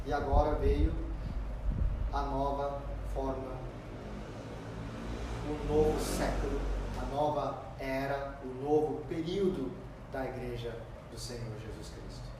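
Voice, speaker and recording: A pastor delivers an expository sermon from far across a very echoey, noisy church sanctuary, his slightly high voice carrying through the room. He speaks emphatically, slowing on key words and swinging between loud and hushed.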